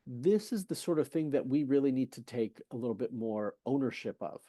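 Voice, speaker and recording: This male fertility specialist speaks briskly and with animation in a medium-pitched, dark-toned voice, captured in a clean studio with no room sound. During the podcast interview he argues emphatically, poses rhetorical questions, and casually recounts exchanges with patients.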